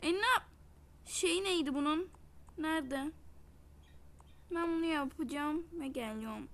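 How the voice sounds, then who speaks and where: A woman's voice: sits high, measured pace, a bit bright. A young woman vlogging casually while baking, chatty and self-mocking. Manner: chatty, dramatic outbursts and self-mocking complaints.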